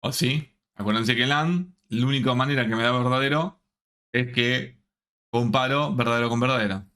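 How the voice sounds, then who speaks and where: A man's voice: mid-range voice, a bit bright, smooth. A man teaching a live online programming class, checking in with the students at nearly every step. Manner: slow, checks in often with the students.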